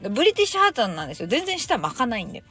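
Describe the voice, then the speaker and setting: A young woman hosting a casual solo podcast, chatty and animated, with laughing asides. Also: on the high side, racing, faint music behind. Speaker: podcast host.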